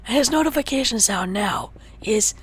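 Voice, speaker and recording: A tired young woman chatting while playing a game, teasing her partner and often dropping into soft whispers and little sung bits. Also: fairly high pitch, expressive, moderate pace, slightly rough. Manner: teasing and playful, drops to soft whispers, hums little songs. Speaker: streamer. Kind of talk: casual gaming chat.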